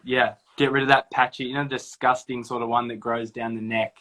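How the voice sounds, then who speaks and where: A man's voice: medium pitch, little pitch movement, a little fast, fairly bright tone. A man hosting a casual youth ministry video chat, chatty and joking with his guests. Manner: jokey, chatty.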